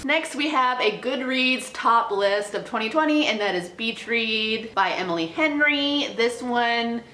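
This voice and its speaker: With a fairly high, expressive and sharp voice, a young woman from a small town talks a little slowly as she gives casual, chatty book recommendations on her vlog. She's giggly and self-deprecating, and the room is untreated and echoey.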